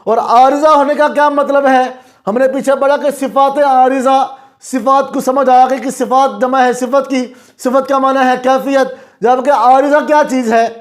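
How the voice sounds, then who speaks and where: Male recitation teacher, very high voice, self-answering questions, slow chanted examples. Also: fairly even intonation. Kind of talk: explanatory lesson.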